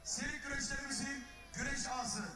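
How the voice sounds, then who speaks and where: A man with a very high, strained voice rattles off formal announcements in a flat, unchanging tone. He comes over a PA loudspeaker at an outdoor arena. The sound is echoey and distant, picked up from far off. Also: a little fast. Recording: echoey loudspeaker heard from afar.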